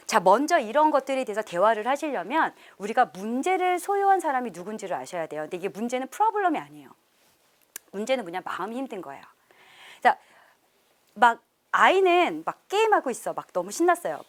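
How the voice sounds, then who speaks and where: A middle-aged woman professor giving a lively parenting lecture to a live audience, often laughing and acting out parents' lines. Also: fairly high pitch. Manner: animated, laughs often, acts out quoted parents. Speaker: professor leading a parenting seminar.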